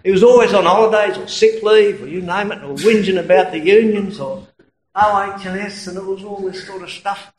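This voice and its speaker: A man with an Australian accent delivers a sermon in a loose, anecdotal style, often laughing at his own stories. His voice sits fairly high for a man. The recording has a noticeable roomy echo. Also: fairly quick. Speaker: preacher.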